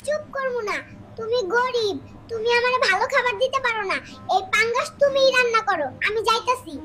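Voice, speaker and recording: A high cartoon voice doing a whiny wife. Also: fairly quick. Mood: indignant. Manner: whiny, sulky, dramatic. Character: fussy wife who wants only hilsa fish. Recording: loud background noise.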